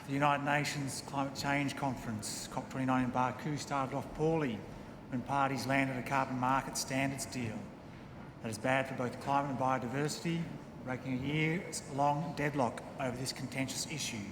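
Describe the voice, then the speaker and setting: A man's voice: mid-range voice, fairly even intonation, moderate pace. A man moderating a press conference, reading formal prepared remarks with some hesitation. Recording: echoey hall, audible noise.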